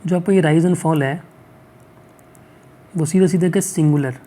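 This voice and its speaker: A male teacher going through exam questions, reading the English sentences out slowly and checking in often to ask whether it is clear. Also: on the high side, warm tone. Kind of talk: exam-prep lesson.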